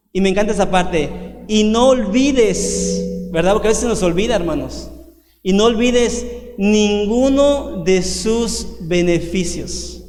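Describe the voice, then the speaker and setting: A man preaching a sermon as pastor, asking rhetorical questions and stretching key words out slowly. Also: high voice, a little mellow. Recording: echoey hall with long reverb.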